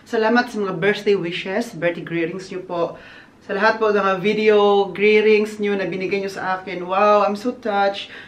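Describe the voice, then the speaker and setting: A man chatting casually in a birthday vlog, animated and laughing often, slipping English phrases into his talk. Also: sits high, moderate pace. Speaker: vlogger. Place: outdoors on a windy day. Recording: echoey, roomy sound.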